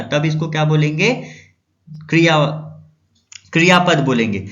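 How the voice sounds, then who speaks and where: A man's voice: high voice, a bit bright. Lo-fi man teaching, quizzing himself. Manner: asks questions and answers them himself, repeats key terms. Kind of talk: explaining grammar to viewers. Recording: dull, lo-fi sound.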